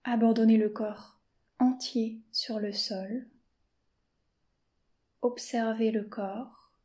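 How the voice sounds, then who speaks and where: A woman leads a yoga nidra guided meditation, speaking slowly and calmly in a mellow, dark tone with a steady, flat pitch. She is soft-spoken, often slipping into a gentle whisper, and leaves long pauses.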